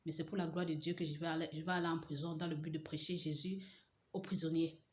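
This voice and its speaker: Dramatic woman's low-pitched testimony, echoey room. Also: level tone, fast, a little hiss or hum. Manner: dramatic, repeats phrases, drops to hushed tones. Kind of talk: religious personal testimony. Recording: roomy echo with faint ambience.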